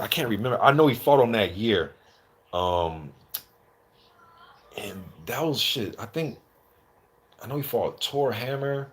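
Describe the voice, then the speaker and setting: He has a low-pitched, fairly bright voice. As host of a live boxing commentary stream, he banters casually with viewers in informal slang with some swearing mixed in.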